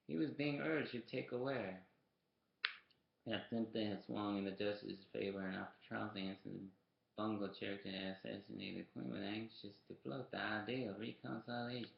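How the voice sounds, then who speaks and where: A man reading a nonfiction book aloud as a storyteller, in a halting way with frequent restarts and stumbles over words. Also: fairly low pitch, creaky. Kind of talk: read-aloud narration. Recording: muffled echoey room recording.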